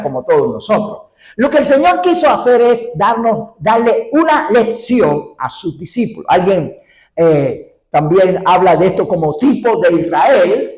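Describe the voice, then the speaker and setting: A male preacher, giving an animated sermon and acting out the dialogue. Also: high-pitched, roomy sound, rough recording. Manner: animated, acts out dialogue with shouts and laughs.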